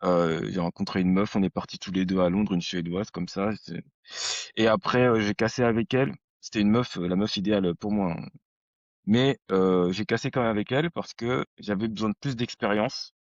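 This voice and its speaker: A man's voice: fairly low pitch, fairly quick, no echo, lo-fi sound. A man in his thirties hosting a podcast, chatting casually in a slangy, rambling storytelling way. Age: 30s. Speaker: podcast host. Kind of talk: casual conversation.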